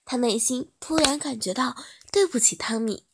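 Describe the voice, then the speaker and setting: A woman narrating a story in a soft, steady reading voice. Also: on the high side, normal speed, background noise.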